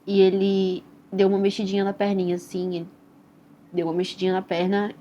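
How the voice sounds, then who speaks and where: Young Brazilian woman, mid pitch, soft and tender personal testimony, slightly muffled recording with light hiss. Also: completely flat delivery, a little fast. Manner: soft, tender and reflective, with frequent "né?" and "assim". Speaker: mother telling her own birth story.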